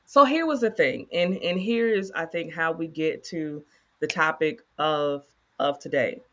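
A woman co-host in casual conversation, candidly telling a personal story with animated asides. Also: deep voice, a little slow, muffled recording. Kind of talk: casual chat.

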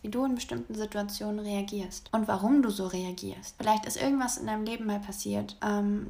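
A woman guiding the listener through an emotional exercise, calm and direct, often dropping to a soft whisper. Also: medium pitch, creaky. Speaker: meditation guide.

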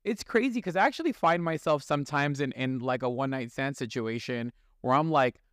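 A man's voice: medium pitch, a little fast, fairly bright tone, clean tone, no room sound. A male podcast host talking candidly in casual studio chat, telling stories, laughing often and swearing freely.

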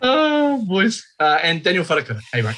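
A man's voice: high voice, wildly swooping pitch, a little fast, fairly bright tone, slight background noise. A man with a Maori-influenced New Zealand accent, hosting a casual sports podcast chat. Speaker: podcast host.

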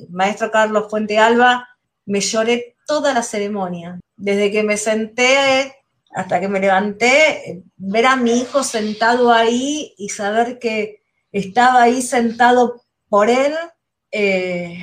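Candid middle-aged Rioplatense mother, higher voice. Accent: Rioplatense Spanish. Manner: candid, halting with restarts. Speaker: guest, mother. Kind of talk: casual interview chat. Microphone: video call.

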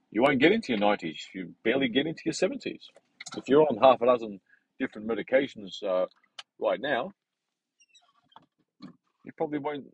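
A man's voice: mid-range voice, vocal fry, slightly rough, dry recording, dull audio. A man, a health advisor talking in a rambling, hesitant monologue full of fillers and restarts. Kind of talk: casual monologue.

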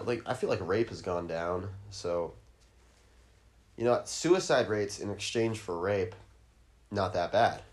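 A man hosting a comedy podcast, rambling crudely through a stream of ums and restarts and breaking into shrill squealed sound effects. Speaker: podcast host.

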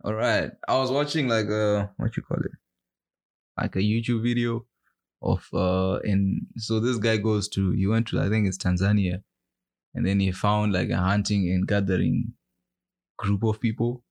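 A man's voice: on the low side, steady tone, normal speed, vocal fry, a little mellow. A man from Zimbabwe chatting on a podcast, telling stories animatedly and mimicking people, laughing often. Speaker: podcast co-host. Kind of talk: casual chat.

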